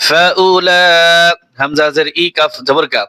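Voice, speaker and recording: A man with a bright, crisp voice leads a Quran reading lesson. He spells out each letter and vowel mark, then draws the recited words out slowly. His explanations come in quick bursts, recorded close and dry. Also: a little high, no room sound, low-quality recording.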